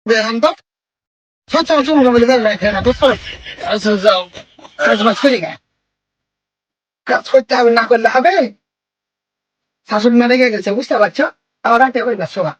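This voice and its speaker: A woman's voice: a little high, dull audio, lightly acted. A woman playing a fiery young daughter-in-law. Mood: irritated. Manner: loud, fast, argumentative. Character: sharp-tongued young village daughter-in-law, quarrelsome. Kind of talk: comedy skit acting.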